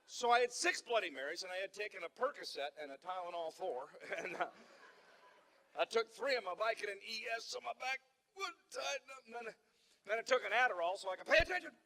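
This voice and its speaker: High, bright-voiced rambling male comedian. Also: animated, fairly quick. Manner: rambling storyteller with stammering restarts. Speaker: stand-up comedian. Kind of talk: stand-up comedy routine. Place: theater stage.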